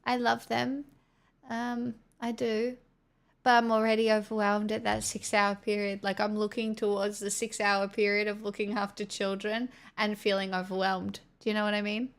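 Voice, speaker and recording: Her medium-pitched voice is clean with vocal fry, has little pitch movement and runs at a normal speed. She's a young Australian woman rambling frankly to her live stream chat, saying her voice feels strained.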